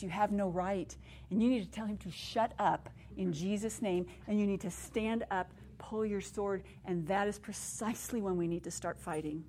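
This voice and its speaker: A middle-aged woman preaching a sermon at a women's gathering, earnest and emotional, dropping to hushed tones and rising when excited. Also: mid-range voice, a little hiss or hum. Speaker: women's conference speaker. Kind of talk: sermon with personal story.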